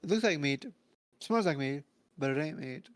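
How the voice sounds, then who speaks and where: Man voicing an earnest monk, halting, polite, fairly high voice, dry sound. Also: animated, no room sound, close to an everyday voice. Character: earnest vegan male monk, polite and chatty.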